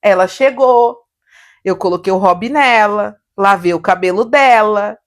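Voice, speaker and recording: A young Brazilian woman, a salon owner, telling animated stories on a casual podcast, laughing often and acting out what people said. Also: mid-range voice, unhurried. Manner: animated storytelling, laughs often, acts out quotes.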